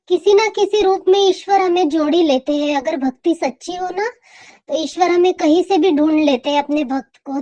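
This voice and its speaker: A woman's voice: high voice, dark tone. A woman sharing a heartfelt devotional testimony, repeating her thanks again and again. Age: adult.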